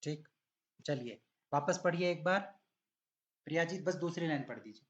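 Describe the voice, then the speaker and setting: A man teaching Sanskrit pronunciation in an online class, patiently correcting students and demonstrating recitation slowly. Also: fairly high pitch, highs cut off.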